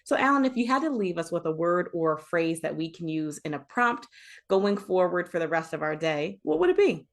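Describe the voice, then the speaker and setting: A woman's voice: fairly low pitch, sing-song, fairly quick. A woman hosting a podcast, wrapping up an interview in a friendly, conversational way. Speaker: podcast host. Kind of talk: casual interview.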